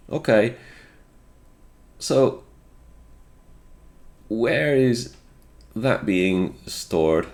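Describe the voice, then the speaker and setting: A man's low, gravelly voice is slightly congested because he is getting over a cold. As host of a retro game programming video, he thinks aloud through an unscripted technical walkthrough.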